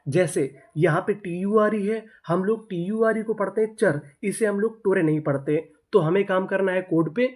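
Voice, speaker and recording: A male teacher works through English words one letter group at a time, sounding out each piece and then the whole word. He quizzes the listener and answers himself in an even, patient teaching voice. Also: high voice. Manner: spells words letter by letter, asks and answers own questions. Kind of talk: spelling-out reading lesson.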